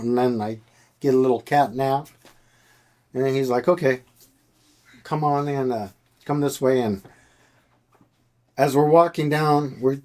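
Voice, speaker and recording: Earnest man telling a personal testimony. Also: medium pitch. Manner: earnest, animated retelling with voiced quotes. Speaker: podcast guest.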